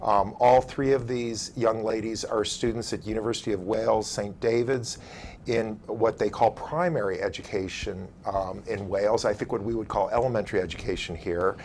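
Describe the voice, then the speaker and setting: A man's voice: fairly low pitch, steady tone, normal speed, darkish tone, a little hiss or hum. An American man hosting an interview in a conversational but formal way, as a university provost would.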